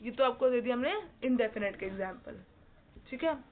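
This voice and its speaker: A young woman teaching, speaking slowly, repeating words and asking the class questions. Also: a little high, expressive. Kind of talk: explaining lesson. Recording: tinny, phone-like with faint noise.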